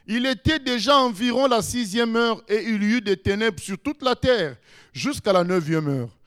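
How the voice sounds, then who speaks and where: A man's voice: high voice, expressive, normal speed, a bit bright. A man preaching a sermon in an emphatic way, with sudden rises in his voice.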